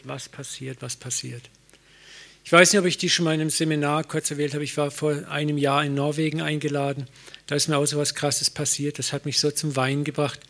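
A man's voice: fairly high pitch, bright, forceful tone. A middle-aged man, a pastor, preaching a sermon in a conversational way, with anecdotes and self-mocking humor.

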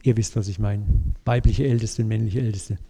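A man preaching a sermon, telling a story with lively, vivid asides and speaking directly to his congregation. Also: on the low side, brisk, vocal fry, husky.

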